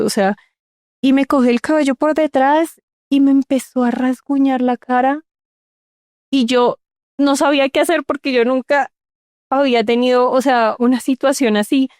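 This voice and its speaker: A woman's voice: a little high, darkish tone, clear, resonant tone, dry recording, clean studio sound. A woman, telling her own story in an interview, earnest and repeating words for emphasis. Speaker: interview guest. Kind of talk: personal storytelling in conversation.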